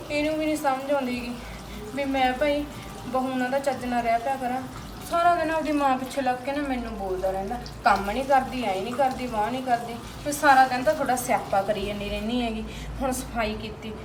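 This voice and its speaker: A quarrelsome young daughter-in-law with a high voice, played by a woman. She grumbles in a steady stream about her in-laws. The audio is roomy and far off, with clear background noise. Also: close to an everyday voice. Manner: complaining, rapid arguing. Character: fed-up young wife, quarrelsome then weary. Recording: echoey room from a far mic, noisy.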